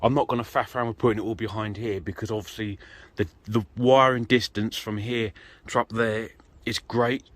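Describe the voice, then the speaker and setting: His voice is on the low side and a bit bright, with fairly even intonation, normal speed and hardly any pauses. This British man, an amateur vehicle DIYer who vlogs, gives a loose, self-mocking walkthrough of his work on an off-road vehicle outdoors, speaking into a handheld camera. The phone or camera mic gives a dry but noisy recording full of vehicle ambience.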